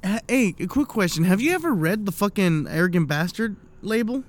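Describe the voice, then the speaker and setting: A young man chatting casually in slangy, halting bro talk with plenty of swearing. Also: high voice, animated.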